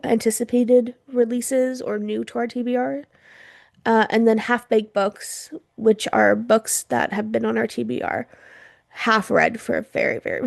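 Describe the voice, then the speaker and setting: A woman's voice: fairly high pitch, vocal fry, no room sound, studio quality. A woman co-hosting a podcast in casual chat, chatty and laughing often, her throat irritated from smoke. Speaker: podcast co-host.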